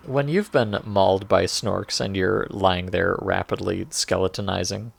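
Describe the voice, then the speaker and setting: A man's voice: on the low side, gravelly, husky. A man streaming a game, giving casual, joking commentary with wry asides and frequent laughter. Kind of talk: let's-play commentary.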